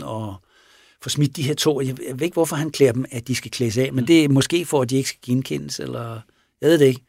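A man's voice: mid-range voice, creaky, a little mellow, no echo, studio quality. A man retelling a crime story in a casual, rambling way, with many restarts.

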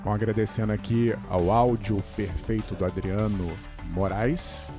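A man's voice: fairly low pitch, steady tone, moderate pace, over music. A man co-hosting a podcast, giving thoughtful, somewhat hesitant opinions. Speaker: podcast co-host. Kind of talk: casual podcast discussion.

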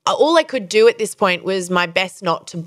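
A woman, hosting a podcast and telling a personal story in a lively way, acting out the lines of the people in it. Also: medium pitch, normal speed, dry recording, studio quality. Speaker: podcast host. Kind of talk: storytelling monologue.

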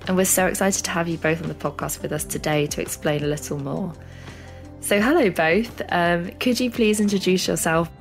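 Low-voiced woman hosting a podcast. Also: normal speed, faint music behind. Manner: scripted, upbeat introductions. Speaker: podcast host.

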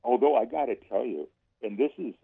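A man talking casually about politics on the radio, haltingly, repeating himself as he thinks aloud. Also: medium pitch, sing-song, vocal fry, slightly rough. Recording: dull, muffled radio sound.

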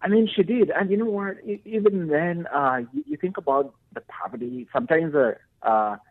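Man with a gravelly voice on a phone line. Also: sits high, big pitch swings, moderate pace. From Uganda. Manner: earnest, with many fillers and restarts. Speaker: guest. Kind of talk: casual interview answers.

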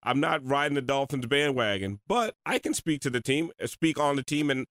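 A man's voice: medium pitch, animated, brisk, a bit bright, no echo, studio quality. Rambling man co-hosting sports radio. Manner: rambling, repeats words while thinking. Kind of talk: casual sports radio talk. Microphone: studio microphone.

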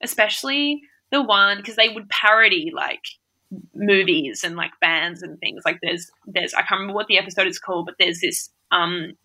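A woman's voice: mid-range voice, moderate pace, pushed and bright. A young woman in casual chat, rambling and laughing often, with many fillers. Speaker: conversation partner.

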